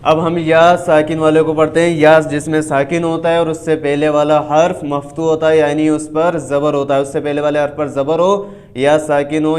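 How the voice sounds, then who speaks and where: A male teacher drilling reading sounds. He spells each syllable out and then runs them together, in a fairly high voice that barely rises or falls. His tone stays firm and instructive. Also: darkish tone. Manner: spells letters syllable by syllable, then reads them in a flowing run.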